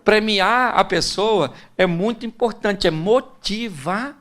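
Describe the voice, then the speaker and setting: Bright-voiced Brazilian pastor preaching. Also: male voice, high-pitched, measured pace. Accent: Brazilian Portuguese. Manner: conversational, humorous, addresses the audience directly. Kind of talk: sermon on relationships.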